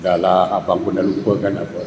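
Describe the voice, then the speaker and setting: A man's voice: deep voice, flat delivery, a little fast, noisy background, pitched below the performer's own voice, close to an everyday voice. A man voicing a grumbling husband who nags and scolds his wife. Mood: scolding. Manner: nagging, reproachful. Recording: echoey mosque hall.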